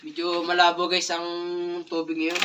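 At normal speed and with a completely flat delivery, a fairly high-voiced Filipino man in his thirties vlogs casually at night in a small tiled kitchen. A spearfisher, he shows off his catch and thanks viewers over and over, captured on distant phone audio with clear background noise.

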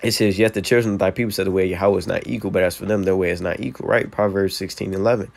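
A man reading old-style Bible verses aloud and breaking them down in relaxed slang for a video, tagging lines with "man" and "so, hey". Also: low voice, rapid-fire, vocal fry. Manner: reads King James verses then explains in street slang, "man" and "hey". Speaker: scripture teacher. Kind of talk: casual scripture breakdown video.

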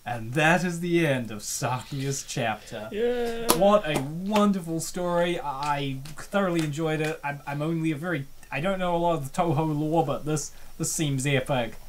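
A comic dub host rambles casually about a webcomic, reacting playfully and excitably, in a medium-pitched voice at normal speed. There's slight background noise.

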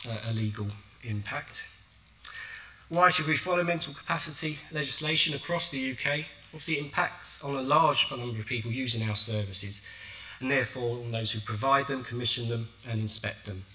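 Bright-voiced man with a South East London accent. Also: mid-range voice, a little hiss or hum, rough recording. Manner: chatty, with joking asides. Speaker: conference speaker, consultant nurse. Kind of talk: conference presentation. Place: conference venue.

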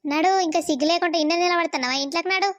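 A woman's voice: very high voice, fairly bright tone, no room sound. A woman voicing an angry middle-aged village mother who scolds her daughter. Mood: scolding. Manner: scolding, reproachful, rapid. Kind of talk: cartoon voice acting.

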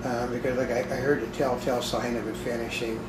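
A man's voice: medium pitch, level tone, quick pace. A man co-hosting a casual home cooking demo, talkatively giving tips and addressing viewers as folks. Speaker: cooking show co-host. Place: home kitchen, indoors. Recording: echoey kitchen with clear background noise.

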